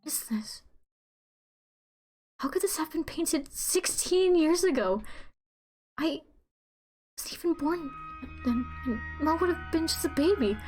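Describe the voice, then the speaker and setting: A woman's voice: high-pitched, animated, unhurried, long pauses, a little mellow, soft background music, pitched above the performer's own voice. A woman voicing an anguished fourteen-year-old noble girl who talks to herself in frantic bursts. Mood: alarmed. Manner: frantic, distraught, talking to herself.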